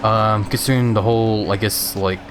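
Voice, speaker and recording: A man's voice: on the low side, fairly even intonation, normal speed, music in the background. A man casually chatting with viewers while playing a racing game on a live stream, laid-back and laughing often.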